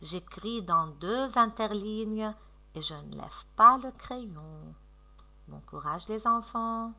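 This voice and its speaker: A woman teacher recording a lesson for young children, slow, sing-song and encouraging, stretching out her words. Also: medium pitch, expressive, creaky, bright, forceful tone.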